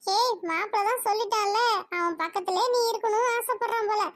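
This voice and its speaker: A woman voicing a bossy squeaky mother. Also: a little fast, no echo, studio quality. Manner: bossy, scolding. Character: fussy middle-aged mother, matchmaking woman. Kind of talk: cartoon voice acting.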